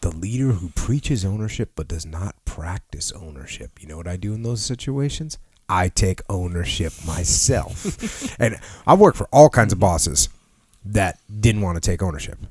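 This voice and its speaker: A man's voice: low voice, animated, moderate pace, husky, dry recording, clean studio sound. A man hosting a leadership podcast, talking in an emphatic, punchy way and repeating key phrases. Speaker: podcast host. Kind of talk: leadership discussion.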